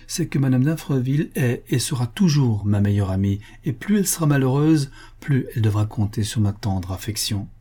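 A man reading the part of a resolute seventeen-year-old wife, raising his voice into a lighter, higher register. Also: normal speed, mellow, husky, natural voice. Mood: defiant. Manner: resolute, raised pitch. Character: spirited young wife, seventeen, defiant. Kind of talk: audiobook character reading.

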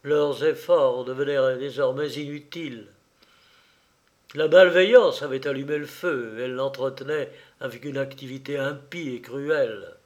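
A man narrating a novel as an audiobook, in a measured, dramatic reading. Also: mid-range voice, a little mellow.

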